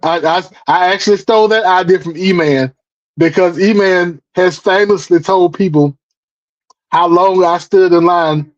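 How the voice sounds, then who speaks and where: A man's voice: high-pitched, unhurried, no room sound, highs cut off. A man in his forties, a guest in a casual chat, talking in an easygoing way with frequent chuckles. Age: 40s.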